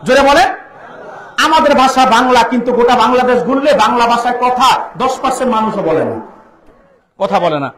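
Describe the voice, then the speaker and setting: A man preaching an impassioned sermon to a large gathering, calling out questions to the crowd and rising into shouts and chanted verses. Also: very high voice, animated, moderate pace. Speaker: Islamic preacher. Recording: echoey amplified venue.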